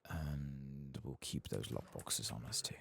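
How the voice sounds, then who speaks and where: This man, a game streamer, has a deep bass voice and talks slowly through his game in gentle ASMR style. He murmurs breathily up close, often dropping almost to a whisper.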